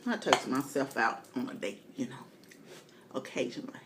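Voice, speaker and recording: A woman's voice: rumbling low, moderate pace, noisy background. A middle-aged woman eating as she talks, telling candid, colloquial stories in a casual mukbang chat. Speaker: mukbang vlogger.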